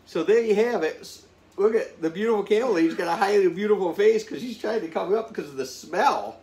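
A man's voice: high-pitched, fast, a little mellow. A middle-aged man casually hosting to camera, exclaiming in disgust at a bad smell. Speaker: host of a family food challenge show. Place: living room at home. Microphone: camera a few feet away. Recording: roomy, distant mic with faint noise.

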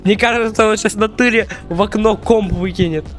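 A man's voice: sits high, fairly quick, faint music behind. A man doing gaming prank commentary as a YouTuber narrating his video.

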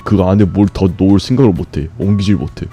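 A man streaming a game, grumbling and swearing at it, then breaking into sudden high shouts. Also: fast talker, husky, faint music behind. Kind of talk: frustrated live gameplay commentary.

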